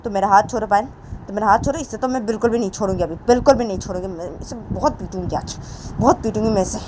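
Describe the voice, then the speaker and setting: A woman's voice: medium pitch, very fast, background noise, voice pushed up, lightly acted. A woman playing a furious scolding older woman. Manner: loud, hectoring, repeats questions. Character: angry scolding older woman, quick-tempered.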